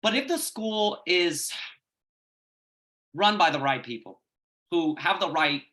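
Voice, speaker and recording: A man's voice: high voice, lively intonation, slow pace, sharp tone. A man moderating a panel discussion, thanking speakers in an encouraging, conversational way.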